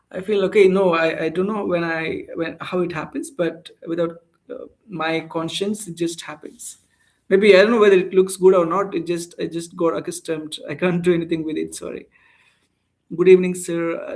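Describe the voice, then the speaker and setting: Chatty Indian man, higher voice. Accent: Indian English. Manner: expressive, chatty, reads viewer comments aloud. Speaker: English-speaking coach hosting a live stream. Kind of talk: casual live-stream chat with viewers.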